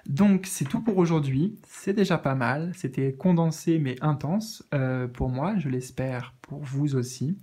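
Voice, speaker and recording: Homme à la voix un peu aiguë, hésitant. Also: male voice, on the high side, a little slow, hardly any pauses. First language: French. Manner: hesitant, searching for words, many fillers; gentle, reassuring. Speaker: tarot card reader. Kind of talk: casual spiritual card reading.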